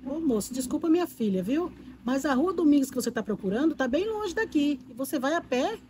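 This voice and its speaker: Brief: Brazilian mother, played by a woman, high, quick and scolding. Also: very animated, noisy background. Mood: gentle. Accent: Brazilian Portuguese. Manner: gentle but scolding, teasing. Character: kind, scolding mother of a grown daughter. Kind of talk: amateur comedy skit acting.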